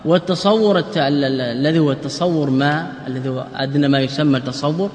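A man's voice: a little high, quick pace, a little hiss or hum. A man teaching a class as an Islamic scholar. He asks his students questions, answers them himself, and repeats words as he explains. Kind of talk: classroom lecture on jurisprudence and grammar. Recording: echoey hall recording.

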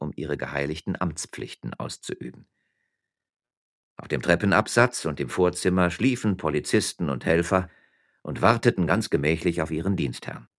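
A man narrating a story in an expressive, theatrical reading. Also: low voice. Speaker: audiobook narrator.

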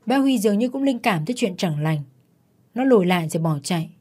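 A woman narrating a dark story in a tense, dramatic manner. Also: mid-range voice, lively intonation, fast talker, husky.

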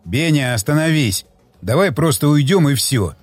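A man's voice: on the high side, expressive, normal speed, dry recording, faint music behind. A man doing a frantic, pleading comrade. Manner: pleading, shouting in panic. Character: frantic desperate man, Shcherbatin.

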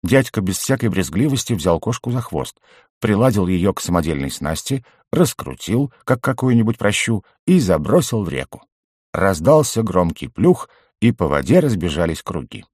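Field: narrator. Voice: low, expressive man. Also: moderate pace, slightly rough, no room sound, studio quality. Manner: expressive reading. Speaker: audiobook narrator. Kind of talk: first-person fantasy narration.

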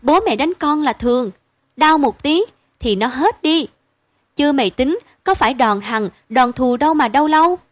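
A woman's voice: on the high side, no echo, natural voice. A woman reading aloud and voicing a spirited poor village girl, the eldest sister, blunt and caring. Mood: soothing. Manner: brisk, blunt and matter-of-fact.

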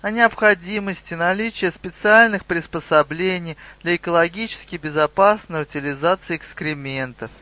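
A man's voice: sits high, moderate pace, hardly any pauses, pushed and bright, dry recording, muffled recording. Man playing a smug officious centaur sergeant. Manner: officious, formally polite. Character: young muscular male centaur sergeant, smug petty bureaucrat.

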